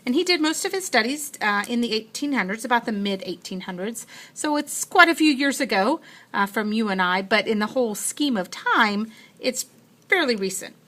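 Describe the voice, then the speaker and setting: Bright-voiced woman teaching a science lesson. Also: on the high side, expressive, normal speed. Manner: patient, explanatory, thinks aloud while writing. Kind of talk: classroom lecture.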